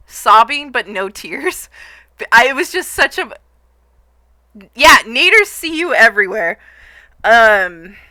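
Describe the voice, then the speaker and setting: A woman's voice: on the high side, sharp tone, clear, resonant tone, dry recording. A young woman streaming live, casually telling a long story to her chat, rambling with lots of fillers and frequent laughs.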